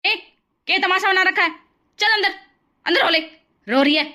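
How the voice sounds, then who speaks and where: A woman's voice: very high-pitched, normal speed, pushed and bright. A woman voicing a harsh older mother-in-law in a cartoon story, scolding and taunting. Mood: scornful.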